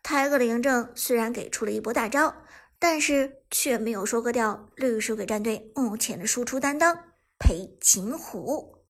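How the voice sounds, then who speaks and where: A woman narrating a web novel audiobook with brisk, dramatic action telling. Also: on the high side.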